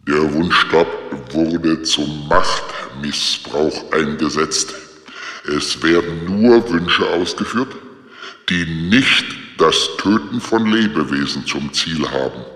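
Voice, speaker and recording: A magic wishing wand, voiced by a man speaks in a very deep, slow and formal announcing tone. The voice rings out with a long hall reverb, as if it came from a vast chamber. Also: fairly bright tone, heavily acted. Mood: stern. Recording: booming echoey hall reverb.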